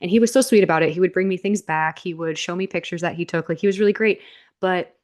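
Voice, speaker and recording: A young adult woman guest on an interview, telling stories in an animated way and acting out what she and others said. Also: fairly low pitch, fast talker. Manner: animated storytelling, quoting herself and others. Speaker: podcast guest. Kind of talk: casual interview chat.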